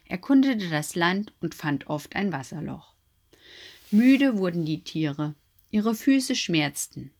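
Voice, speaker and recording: A woman reading a children's Christmas story aloud in an expressive storybook manner. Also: lowish voice.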